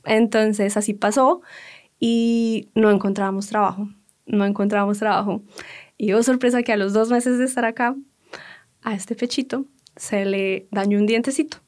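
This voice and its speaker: Colombian woman, 30s, chatty interview guest, animated storyteller. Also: mid-range voice, normal speed. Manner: lively, laughing, acts out quoted dialogue.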